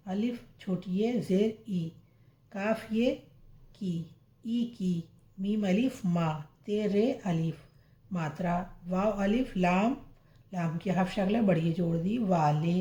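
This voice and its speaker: A woman's voice: on the low side, dark tone, reverberant. A woman teaching a reading lesson, spelling out each letter and repeating every word. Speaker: Urdu and Hindi reading teacher.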